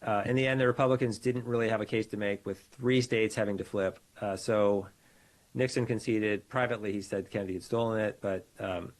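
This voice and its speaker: Guy w a lowish voice, professor type, calm and analytical, on a video call. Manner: measured, analytical, with frequent restarts. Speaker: political science professor, guest. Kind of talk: explanatory interview talk.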